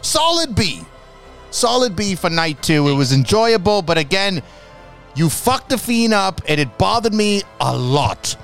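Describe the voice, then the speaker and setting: A man co-hosting a casual wrestling podcast, blunt and animated, swearing freely. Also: high voice, unhurried, faint music behind. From Tampa Bay area, Florida. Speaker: podcast co-host.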